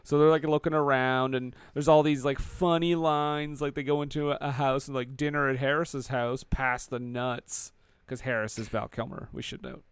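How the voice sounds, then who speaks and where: A man's voice: mid-range voice, flat delivery, normal speed, clean tone, no room sound. A man casually recapping a movie on a podcast, joking and acting out the characters' lines. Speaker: podcast host. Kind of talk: casual movie-review chat.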